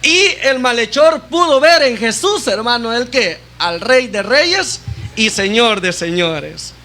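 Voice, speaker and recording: A man's voice: very high-pitched, expressive, slow, bright, forceful tone, a little hiss or hum. A man preaching a sermon as a deacon in a church, addressing his brothers and sisters with frequent rhetorical questions. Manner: retells a conversation, acting out both sides.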